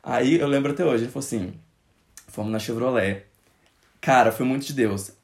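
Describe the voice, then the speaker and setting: A man's voice: medium pitch, brisk, gravelly. A man in his thirties from Brazil, telling a personal family story in casual chat and jumping into quoted voices. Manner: animated, jumps into quoted voices.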